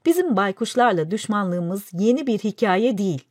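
A woman's voice: mid-range voice, normal speed, husky, no room sound. A woman doing a shrewd, deferential old vizier. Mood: persuasive. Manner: deferential, calmly persuasive. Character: wise scheming male vizier, respectful to the sultan.

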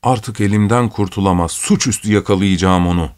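A man voicing an angry, desperate male peasant villager who mutters his thoughts in a low voice. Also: fairly quick, a little mellow, clear, resonant tone, lightly acted. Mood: vengeful.

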